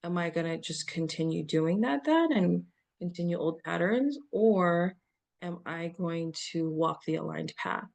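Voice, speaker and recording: A middle-aged woman talks through self-help ideas in an unhurried, meandering way. Her voice sits a little low and carries a slight gravelly fry. She fills pauses with soft "ums" and quiet laughs. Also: expressive. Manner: gentle, meandering, with soft laughs and many fillers. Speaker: spiritual coach. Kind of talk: reflective self-help talk.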